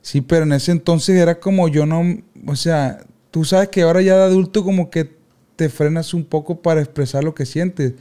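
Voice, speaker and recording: A young man, telling childhood stories in casual podcast chat with loud outbursts. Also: a little high, moderate pace. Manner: animated slangy storyteller, loud outbursts. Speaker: podcast co-host.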